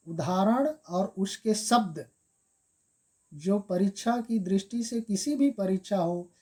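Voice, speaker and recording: A woman's voice: mid-range voice, warm tone. A woman teaching Hindi grammar for exam preparation, going through examples step by step and repeating them with stress on key words. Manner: addresses viewers as friends, step-by-step explaining. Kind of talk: exam-prep grammar lesson.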